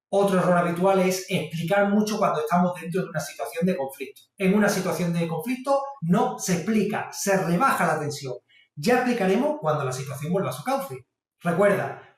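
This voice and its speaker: A man giving a parenting workshop, explaining calmly and speaking straight to the listener. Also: sits high. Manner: calm, explanatory, addresses the listener directly. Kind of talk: instructional talk to camera. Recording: very echoey room, mic at a distance.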